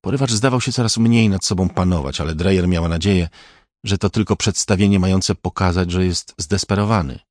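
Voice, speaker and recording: A man reading a crime thriller aloud as an audiobook narrator, in a measured, even way. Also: sits low, no echo, studio quality.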